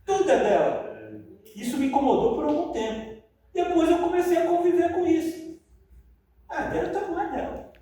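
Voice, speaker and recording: Animated man preaching in an echoey room. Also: extremely high pitch, moderate pace, pauses often. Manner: animated, laughing, conversational. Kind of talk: sermon on marriage. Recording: echoey room, mic far off.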